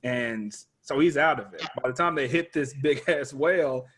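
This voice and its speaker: A man in relaxed conversation who lays out a show's story point by point and drops into quoting the characters along the way. His pitch sits in the middle of the usual range for a man. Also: normal speed, husky. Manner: explains plot step by step, quotes characters. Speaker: podcast guest. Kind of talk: casual chat recapping a TV show.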